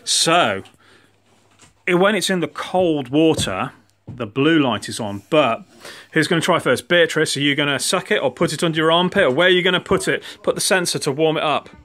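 With an expressive, fairly bright voice that sits a little high, a man speaks at normal speed as he walks children through a casual science demonstration in a home living room. His tone is encouraging and fun, and the sound comes from a handheld phone behind the camera.

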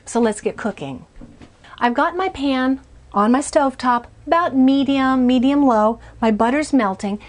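A woman in her forties hosting a cooking show from a small RV kitchen, chatty and upbeat as she walks through each step. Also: fairly high pitch. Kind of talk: cooking demonstration.

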